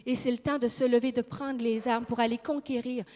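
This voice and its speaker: Fiery Québécois woman preaching, high voice. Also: steady tone, a little fast, a little mellow. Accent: Québécois French. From Quebec. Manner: fiery, emphatic, questions the audience. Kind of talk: sermon. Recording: long reverb of a large hall.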